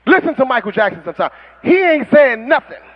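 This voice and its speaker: A man preaching as an imam, fiery and mocking, in an animated sermon style, on a dull lo-fi recording. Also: very high-pitched, fairly quick, long reverb tail.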